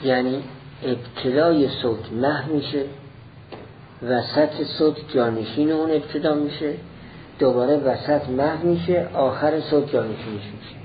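A man gives a slow, deliberate lecture on a classical text, building each point step by step and repeating it. The recording is dull and lo-fi. A faint ambience sits behind his medium-pitched voice. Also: a little hiss or hum. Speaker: teacher of philosophy.

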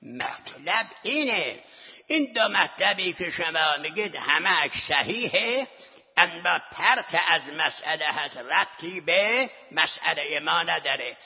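A man's voice: a little high, expressive, vocal fry, bright, forceful tone, husky. A man teaching seminary students in a scholarly lecture, arguing his point and posing rhetorical questions to the class. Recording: lo-fi recording with long hall reverb.

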